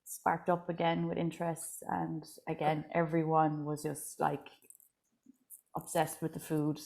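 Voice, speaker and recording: A woman's voice: sits low, completely flat delivery, unhurried, vocal fry, darkish tone. An Irish woman from Ireland chatting casually and easily about volunteers she worked with. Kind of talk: casual conversation.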